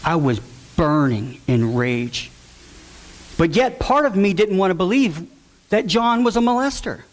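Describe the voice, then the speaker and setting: With a high, sing-song voice and a slightly slow pace, a man shares his own story as a father before an audience. He's earnest and emotional, performing the voices of those he quotes and at times breaking into shouts.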